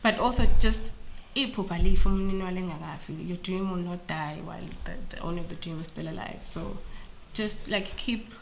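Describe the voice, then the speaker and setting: Nasal from a flu, a woman principal talks earnestly with few pauses in an interview, using some Zulu phrases with animation. She has a lowish, fairly quick voice with vocal fry, and there is slight background noise.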